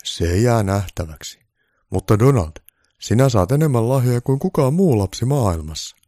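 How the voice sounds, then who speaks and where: A man voicing a calm, blunt old Santa Claus who speaks firmly and matter-of-factly, louder and a bit higher than his own voice. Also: no room sound. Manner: dry, matter-of-fact, firm.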